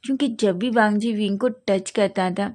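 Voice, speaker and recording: A woman's voice: mid-range voice, normal speed, a little mellow. Woman telling a love story. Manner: stumbles and corrects herself often. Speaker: fanfiction narrator. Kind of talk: storytelling reading.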